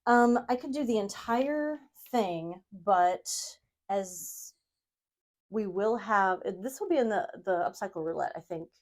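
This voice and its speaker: A woman's voice: medium pitch, lively intonation, a little slow. A woman hosting a crafting video, chatting casually and rambling in a self-deprecating, giggly way as she works. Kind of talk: casual brainstorming chat while sewing.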